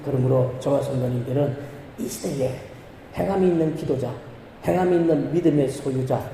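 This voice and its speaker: A man's voice: medium pitch, brisk, mellow, slight background noise. A man preaching a sermon as pastor, with emphatic rises, rhetorical questions and acted-out prayers. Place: church sanctuary. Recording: echoey church hall from far off.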